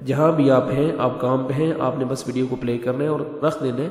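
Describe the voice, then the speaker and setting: A man teaching how to recite a prayer. He rushes through his explanations, then slows to chant each phrase. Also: mid-range voice, steady tone, a little mellow, echoey room, in a large hall. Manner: quick explanations between slow chanted recitations. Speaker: religious teacher.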